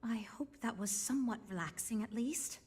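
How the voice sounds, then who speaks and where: A woman's voice: a little high, moderate pace, darkish tone, a little hiss or hum, natural voice. Woman playing a wry, weary game starship designer. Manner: dry, wry and patient. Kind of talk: video game character dialogue.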